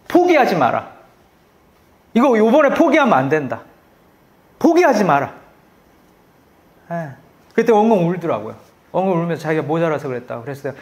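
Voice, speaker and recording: Man, pastor, middle-aged, sermon, animated storytelling, fairly high voice.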